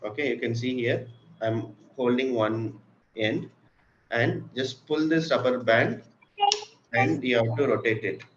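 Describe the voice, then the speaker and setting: Patiently guiding children through a craft, this man with an Indian accent keeps his explanations simple and checks they understand each step. His voice sits in the mid range and never hurries. The audio sounds muffled, and background room noise is easy to hear.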